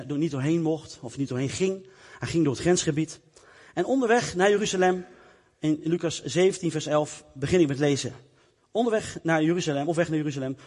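A man preaching a sermon, telling a Bible story in a lively way and acting out its people. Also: a little high. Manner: lively storytelling, acts out the characters. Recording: long reverb of a hall.

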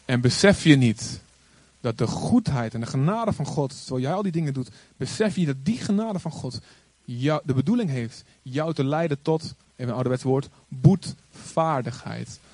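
A man who is a pastor, telling a story in a calm, earnest way and acting out the voices of the people he quotes. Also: mid-range voice, normal speed, no room sound. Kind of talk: sermon-style storytelling.

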